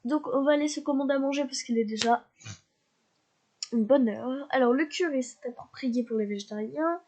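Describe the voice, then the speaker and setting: High-voiced woman chatting over gameplay. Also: moderate pace, slight background noise. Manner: chatty, excitable, talks to her game characters. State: sniffly from a cold. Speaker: gameplay commentator. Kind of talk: casual let's-play commentary.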